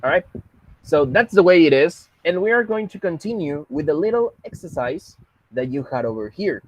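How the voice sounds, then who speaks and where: Husky-voiced teacher explaining patiently. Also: male voice, fairly high pitch, animated, measured pace, lo-fi sound. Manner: patient, explains step by step and mixes Spanish with English. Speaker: English teacher. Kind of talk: online English class.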